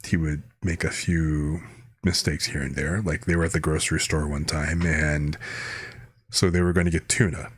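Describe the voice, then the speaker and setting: A man's voice: very deep voice, level tone, moderate pace, breathy edge, no room sound, studio quality. A man from the United States, a streamer, chatting casually and telling rambling anecdotes. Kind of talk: casual chat.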